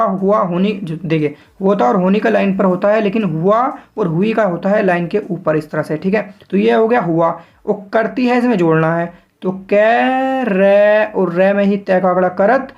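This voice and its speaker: A man teaching shorthand, explaining step by step, checking in with listeners often and sounding out words slowly as he demonstrates. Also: high voice, vocal fry, a little mellow, lo-fi sound. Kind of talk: spoken lesson.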